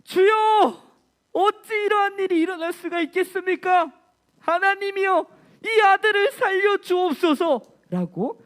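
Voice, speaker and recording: A woman's voice: very high voice, unhurried, fairly bright tone, voice pushed up. A woman voicing a male prophet who cries out to God in fervent, pleading prayer. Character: male prophet praying desperately, earnest adult man.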